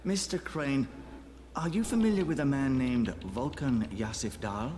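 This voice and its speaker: An actor playing a courteous, secretive go-between in a video game, speaking formally and politely. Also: male voice, mid-range voice, measured pace, a little mellow, slight background noise, natural voice. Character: courteous, secretive male go-between, gravely important.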